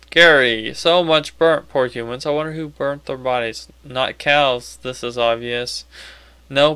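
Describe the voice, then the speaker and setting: Male gamer, unhurried and crisp, casually reading game text and reacting in a dry-sounding space. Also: medium pitch, a bit bright. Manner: self-talking, casually reacting. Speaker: gamer playing on commentary. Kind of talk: casual game commentary with on-screen text read aloud.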